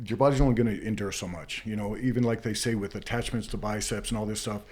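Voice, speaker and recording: A man's voice: on the low side, steady tone, quick pace, a little mellow. A man talking as a massage therapist being interviewed, explaining things casually through examples and anecdotes.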